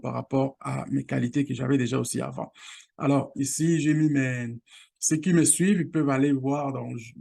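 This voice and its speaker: Speaking directly to his audience, a Lingala-speaking man from the Congo region hosts a laid-back screen-share lesson for his online course channel. His voice sits in the mid range, gravelly and warm. Delivery is halting, full of restarts and fillers.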